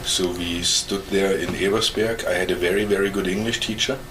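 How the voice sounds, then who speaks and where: A man in his forties with a German accent, German his first language, answering questions in an oral history interview, halting as he searches for English words and chuckling often. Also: low-pitched, steady tone, background noise. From East Germany. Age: 40s.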